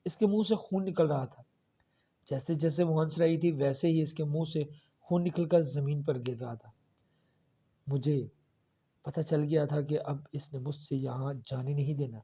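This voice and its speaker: Husky male horror story narrator. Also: a little high, mellow. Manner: dramatic, tense storytelling. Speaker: audiobook narrator. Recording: dull lo-fi audio.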